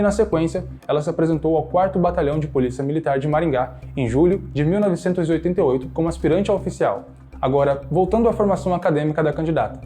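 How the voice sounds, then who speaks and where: A man reads a scripted radio news profile at a quick clip. His voice sits a little high for a man but has a mellow, warm tone. A faint music bed runs quietly underneath. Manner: brisk, read-out news delivery. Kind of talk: scripted narration.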